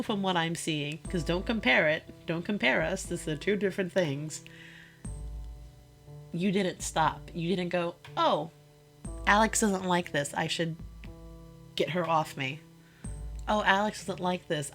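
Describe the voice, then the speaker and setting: This woman's voice sits lowish and has a fairly bright tone. She is voicing a wounded, exasperated girlfriend who confronts her boyfriend in a one-sided, intimate audio roleplay, delivering her lines with emphasis, halting often and saying things more than once.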